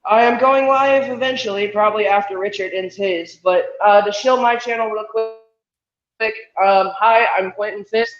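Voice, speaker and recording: A young man in his twenties chats casually on a video call from a hotel, rambling and poking fun at himself. His fairly high voice booms back at him, echoing as if he were inside a well. The muffled, lo-fi call audio flattens the sound further. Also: measured pace, music in the background. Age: 20s. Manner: self-deprecating, rambling. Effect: echoey sound as if inside a well. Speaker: livestream guest. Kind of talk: casual chat. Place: hotel room on weak Wi-Fi. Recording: echoey, dull lo-fi call audio.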